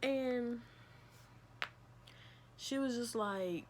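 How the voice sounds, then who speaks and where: A woman's voice: on the high side, extremely slow, a little hiss or hum. Candid young woman telling a story. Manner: candid, emphatic retelling with slang and swearing. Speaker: vlogger. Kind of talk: storytime vlog.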